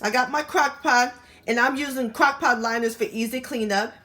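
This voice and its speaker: Expressive higher-pitched Southern woman. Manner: expressive, savoring exclamations and drawn-out words. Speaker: cooking show host. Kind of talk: casual recipe narration.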